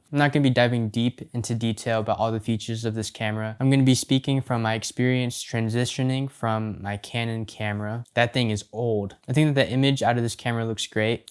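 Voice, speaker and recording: A man's voice: mid-range voice, clear, resonant tone. A man giving a casual, conversational camera review, his voice affected by being sick. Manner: informal, conversational.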